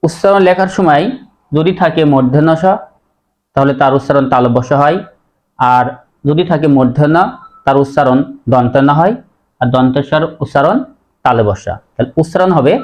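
A man teaching a pronunciation lesson, explaining rules step by step and repeating each word slowly. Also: medium pitch, a little mellow.

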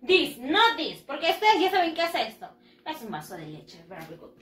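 A woman's voice: high-pitched, wildly swooping pitch, normal speed, fairly bright tone. A woman teaching English to young children in a bilingual lesson, with a sing-song, encouraging delivery. She asks questions and then answers them herself. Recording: echoey room.

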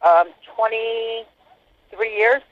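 A woman's voice: fairly high pitch, steady tone, drawn-out words. A woman speaking over a prison phone line, answering interview questions hesitantly with frequent ums. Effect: heard over a prison phone line. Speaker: inmate interviewee.

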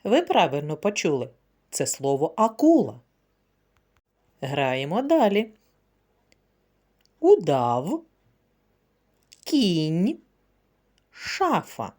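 A woman's voice: fairly low pitch, huge pitch swings, drawn-out words, long pauses, darkish tone. A woman kindergarten teacher leading a phonics word game for young children, speaking in a sing-song, encouraging way.

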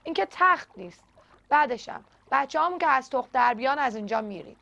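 A woman's voice: sits high, lively intonation, creaky, bright, forceful tone, full character voice. A woman voicing a worried, devoted male clownfish father in a children's storybook, talking in a pleading way. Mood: defensive. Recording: dull lo-fi recording.

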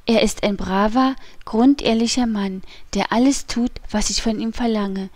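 A woman's voice: a little high, steady tone, moderate pace, a little mellow, no echo, lightly acted. A woman voicing a loyal young maid in an audiobook, earnest and reassuring toward her mistress. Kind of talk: audiobook character voice.

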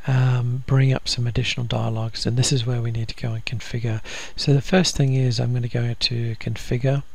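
A man giving a screen-recorded software tutorial, explaining each step methodically with frequent ums and uhs. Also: medium pitch, creaky, no room sound. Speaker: software instructor.

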